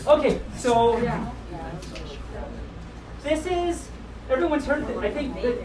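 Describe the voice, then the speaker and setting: During a live convention session, a storyteller with a high, expressive voice takes her time reading picture books to a group, crowd noise audible around her. She interrupts herself with wry, playful remarks about the stories. The recording is distant and roomy, with plainly audible noise.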